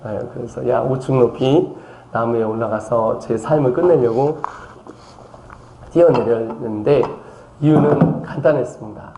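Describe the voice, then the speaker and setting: A man's voice: mid-range voice, unhurried, gravelly, dark tone. A man from South Chungcheong, Korea, preaching as a missionary at a revival meeting, playfully teasing the congregation. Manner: playful, teasing, mimics regional dialects and broken English. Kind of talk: lively revival sermon with audience guessing game. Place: church sanctuary. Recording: echoey church hall, faint noise.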